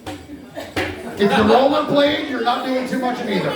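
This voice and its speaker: Male comic, wry roast toast, unhurried, mic far off in an echoey hall full of laughter. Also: extremely high pitch, over a noisy crowd. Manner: wry, teasing, playful sound effects. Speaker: comedian roasting colleagues.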